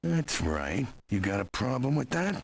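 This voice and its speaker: An actor playing a weary, gruff police desk sergeant in a video game, husky and blunt. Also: male voice, mid-range voice, big pitch swings, measured pace, heavily acted. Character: weary gruff middle-aged New Orleans desk sergeant.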